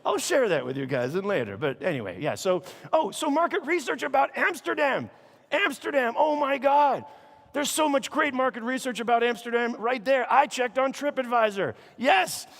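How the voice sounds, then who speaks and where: A man from Chicago, giving a comedic keynote speech to a conference audience, with animated, mock-outraged punchlines. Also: sits high, gravelly. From Chicago, United States. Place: large conference hall. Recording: long hall reverb.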